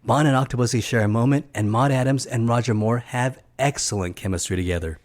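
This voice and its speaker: A man's voice: medium pitch, brisk. A middle-aged man narrating a film recap for his channel, chatty and enthusiastic, with personal asides. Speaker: film reviewer.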